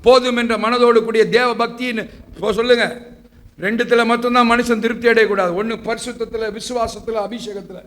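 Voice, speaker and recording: A pastor preaching a sermon in church, asking the congregation rhetorical questions and leading call-and-response. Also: male voice, very high voice, flat delivery, brisk, a bit bright.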